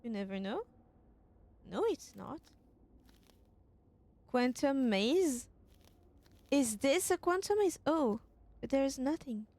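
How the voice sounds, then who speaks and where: A woman's voice: high-pitched, lively intonation, takes it slowly, pauses often, darkish tone, no room sound. A young woman streaming a game, musing aloud and asking herself questions as she plays. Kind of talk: casual gameplay commentary.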